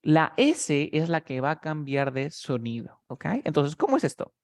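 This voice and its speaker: A man teaching a one-on-one English lesson on a video call, explaining patiently in Spanish, modeling each sound slowly and checking often that his student follows. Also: a little high, big pitch swings.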